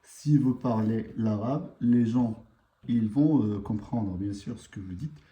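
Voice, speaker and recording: A man gives a live language lesson in a slow, halting way, filling his pauses with hesitations. His voice is deep and very dark in tone. The sound has a roomy echo and a faint background hiss. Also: highs cut off. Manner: unhurried, hesitant, many fillers. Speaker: language teacher.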